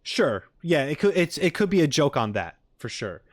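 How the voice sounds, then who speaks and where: His voice sits fairly high and is very animated, at a moderate pace, captured at studio quality without echo. As host of a game reaction livestream, he chats loosely with viewers in jokey banter, repeating things often.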